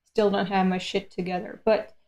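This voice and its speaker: A woman's voice: medium pitch, flat delivery, normal speed, darkish tone. A woman in her late twenties chatting casually on a live stream between comic readings, candid and self-deprecating, with casual swearing. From Europe. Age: late 20s.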